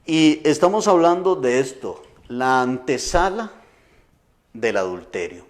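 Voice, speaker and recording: A man's voice: medium pitch, big pitch swings, slow. A middle-aged man, a pastor preaching a sermon in an earnest, conversational way with frequent restarts.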